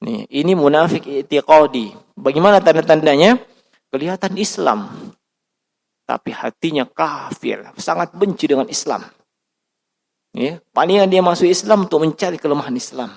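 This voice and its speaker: A man's voice: on the high side, moderate pace, vocal fry, pauses often. A man from giving a conversational Quran study lecture, asking his listeners questions and answering them himself. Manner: lively, asks the audience questions and answers himself. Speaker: Islamic teacher giving a Quran study talk. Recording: roomy hall with long reverb.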